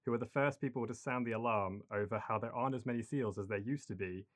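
A man's voice: mid-range voice, quick pace. A man from the UK co-hosting a history podcast, chatting casually and laughing often. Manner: laughs often, says "like" a lot. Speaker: podcast co-host.

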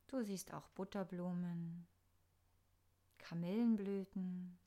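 A woman narrating a scripted guided meditation in a soft, soothing, unhurried manner with pauses. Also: on the low side, steady tone.

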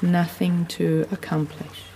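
A woman giving soothing, unhurried sleep story narration, gently guiding the listener through relaxation. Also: fairly low pitch, little pitch movement. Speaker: guided sleep meditation narrator. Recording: long reverb, audible background noise.

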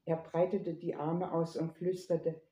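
Female reader, playful storyteller, dark mellow timbre, roomy echo. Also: low-pitched, little pitch movement, a little slow. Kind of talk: storybook narration. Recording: echoey room.

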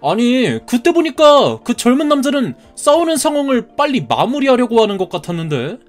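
A man in his thirties gives a very high, sing-song voice to a cartoon story's young groom-to-be, who stays polite but stubbornly answers back. The tone is defiant, the pace normal, and faint music plays behind him.

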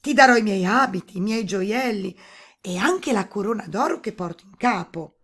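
A woman's voice: mid-range voice, lively intonation, a bit bright, slightly rough. A woman voicing a spoiled, impatient young princess in a storybook reading. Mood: eager. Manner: eager and quick to promise.

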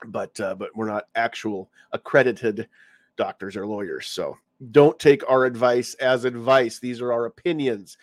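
Speaking a little slowly in a steady, mid-range voice with no echo, a man hosts a casual live-stream podcast. He's getting over a cold, sounds congested, and talks around a lozenge.

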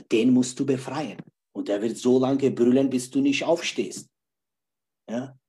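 A man's voice: mid-range voice, mellow. A man talking as a podcast guest, emphatic, repeating key phrases and checking in with "ja?" again and again. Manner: emphatic, keeps asking "ja?" to check in. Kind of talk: podcast conversation.

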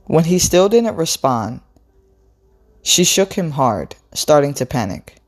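A woman reading a novel aloud in a slow, expressive storytelling way. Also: low-pitched, soft background music. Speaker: book reader.

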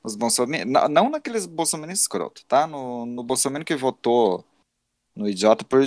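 A man's voice: medium pitch, very animated, brisk, no room sound. A man in his thirties with a Brazilian accent, co-hosting a casual podcast chat. He is reflective and self-critical, and he often restarts his sentences. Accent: Brazilian Portuguese. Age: 30s.

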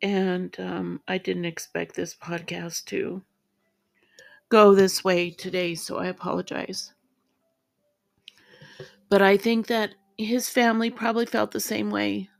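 A middle-aged woman hosting her own podcast, speaking in a halting, heartfelt way as she gets emotional. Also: mid-range voice, steady tone, creaky. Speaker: podcast host. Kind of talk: emotional solo podcast tribute.

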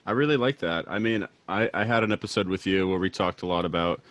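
Young guy hosting a chill podcast, lowish voice, dry sound. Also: fast, fairly bright tone, no echo. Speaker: podcast host. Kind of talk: casual podcast chat.

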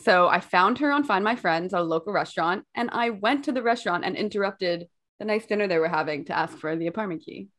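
A young woman podcast co-host, hungover and talking at a middle pitch. She tells stories casually and candidly, poking fun at herself and swearing freely. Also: animated, quick pace, hardly any pauses, fairly bright tone. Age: young adult. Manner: candid, self-mocking storyteller.

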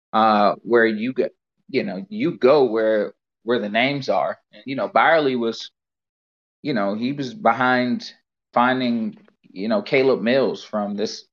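A man co-hosting a casual sports podcast, explaining things earnestly with frequent halting restarts. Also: medium pitch. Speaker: podcast co-host. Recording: muffled lo-fi podcast audio.

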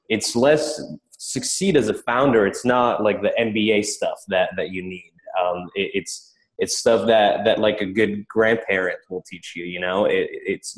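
A deep-voiced Czech man, a startup founder appearing as an interview guest, talks in a casual, reflective way. The room he's in is echoey.

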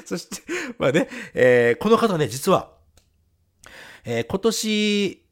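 Lively laughing man, casual chat. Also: high voice, extremely slow. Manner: laughs often, animated storytelling. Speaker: podcast co-host.

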